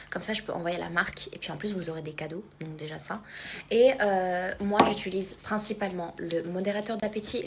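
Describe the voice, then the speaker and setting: A woman influencer talking casually and informally to her followers as she promotes products. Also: mid-range voice. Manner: chatty, informal, addressing followers directly. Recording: clear background noise.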